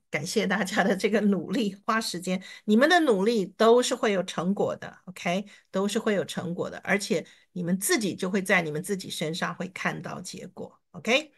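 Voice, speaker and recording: A woman teaching an online reading class, encouraging her students and sounding out English words slowly. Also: mid-range voice, fairly bright tone. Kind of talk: online lesson.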